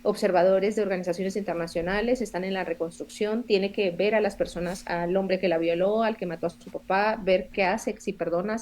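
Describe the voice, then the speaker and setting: A woman in her forties from Colombia, a theatre director and playwright speaking as a podcast guest in a reflective, earnest way, often pausing to search for words. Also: mid-range voice, darkish tone, a little hiss or hum. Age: 40s. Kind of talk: podcast interview conversation.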